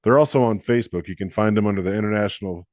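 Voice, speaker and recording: Chatty lower-voiced podcast host man. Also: very fast, a little mellow, dry recording, studio quality. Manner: chatty, restarts questions mid-sentence. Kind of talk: casual interview.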